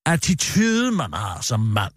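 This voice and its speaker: A man's voice: medium pitch, huge pitch swings, dry recording, studio quality. A man hosting a satirical radio comedy show, talking in a bombastic, lecturing, mock-authoritative way.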